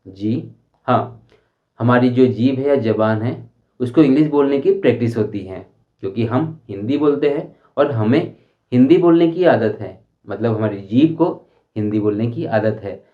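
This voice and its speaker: A man teaching a spoken English lesson, explaining slowly and deliberately and repeating his examples. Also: medium pitch, lively intonation, muffled recording. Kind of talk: Hindi-language English lesson.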